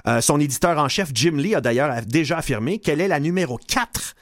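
Lively radio columnist. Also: male voice, on the high side, brisk, dry recording, studio quality. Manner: animated, teasing, many fillers. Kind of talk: casual radio chat.

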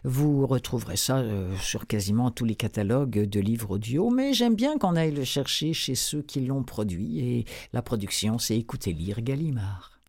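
A man's voice: mid-range voice, expressive, moderate pace, hardly any pauses, a little mellow. A man with a Quebec French accent hosting a book show, talking casually and enthusiastically, with many hesitations. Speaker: radio book-show host. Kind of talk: casual spoken book review.

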